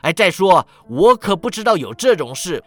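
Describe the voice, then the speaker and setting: A man voicing a bitter, miserly old man who snaps out his lines in a high, loud voice. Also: very animated, moderate pace, faint music behind. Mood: scornful. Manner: snapping, high-pitched shouts.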